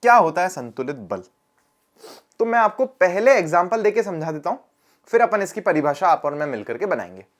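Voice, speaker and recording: A man's voice: high voice, very animated, fairly quick. Male science tutor for a lesson video, conversational and engaging, keeps checking that students follow. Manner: chatty, quizzes students with questions. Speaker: science teacher. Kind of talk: classroom lecture video.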